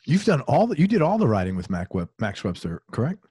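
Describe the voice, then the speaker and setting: A man's voice: mid-range voice, wildly swooping pitch, fast, warm tone, slightly rough, no room sound, studio quality. A man hosting a casual interview, chatty and easygoing, laughing along and swearing casually. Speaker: interview host.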